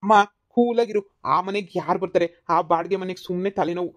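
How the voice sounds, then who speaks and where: A woman's voice: lowish voice, brisk, close to an everyday voice. A woman voicing a young adult son torn between his mother and his wife, pleading with them. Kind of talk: cartoon comedy voice acting.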